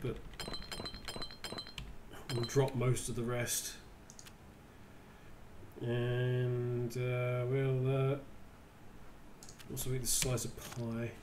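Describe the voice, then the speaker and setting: A man with a medium-pitched voice commentates casually on a video game. He thinks aloud in a chatty way, with clear game ambience behind him. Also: completely flat delivery, drawn-out words, pauses often, noisy background. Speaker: gamer commentating. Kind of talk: casual let's play commentary.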